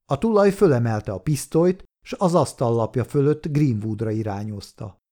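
A man reads a short story aloud in scripted narration. His voice is dark and mellow, at an ordinary male pitch. He keeps a steady, measured pace. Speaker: audiobook reader.

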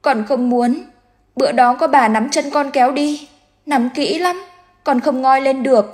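A woman's voice: measured pace, darkish tone. A woman voicing the frightened, tearful spirit of a dead young boy in a spoken ghost story. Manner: high, tearful and pleading.

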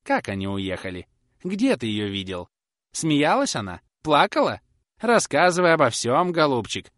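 A man's voice: medium pitch, big pitch swings, moderate pace, fairly bright tone, no echo, studio quality. A man doing a prying, wheedling old crone. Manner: wheedling, coaxing, then snapping. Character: grasping sly old crone, prying and fierce.

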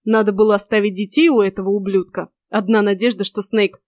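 A woman voicing an angry, blunt male werewolf pack leader in an audiobook, speaking forcefully. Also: medium pitch, fairly even intonation, a little fast, no room sound, studio quality, close to an everyday voice.

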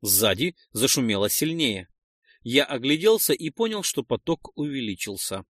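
A man narrating a first-person fantasy audiobook in an expressive, dramatic way. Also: medium pitch, moderate pace, dry recording, studio quality.

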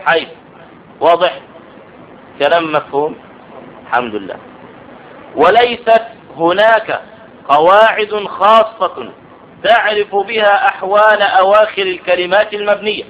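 A man teaching grammar in a classroom lesson, explaining step by step and often checking that his students follow. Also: high-pitched. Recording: dull lo-fi audio with faint noise.

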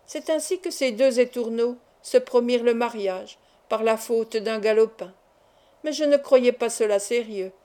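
A woman reading a classic short story aloud as an audiobook, in a measured storytelling manner. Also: fairly high pitch, mellow. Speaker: audiobook reader.

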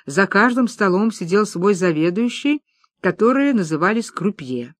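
Audiobook narrator, scripted narration, lively storytelling, middle pitch, dry close recording. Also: normal speed, no room sound. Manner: lively storytelling, acting out dialogue.

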